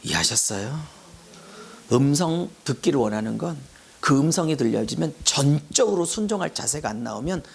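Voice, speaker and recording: A middle-aged male pastor preaching an expository sermon. He moves between loud calls and hushed asides. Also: fairly high pitch, animated, normal speed, gravelly, breathy edge.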